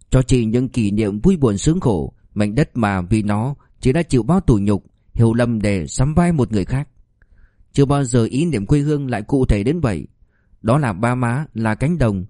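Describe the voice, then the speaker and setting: A man narrates an audiobook in a measured, expressive way at a medium pitch. The recording is clean studio sound with no echo.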